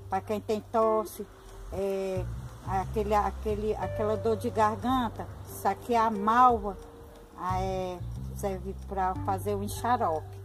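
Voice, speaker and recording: A woman with a Brazilian accent speaking as a folk healer, explaining unscripted in a halting, repetitive, plain-spoken way. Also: mid-range voice, little pitch movement, soft background music, low-quality recording. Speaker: folk healer showing medicinal plants.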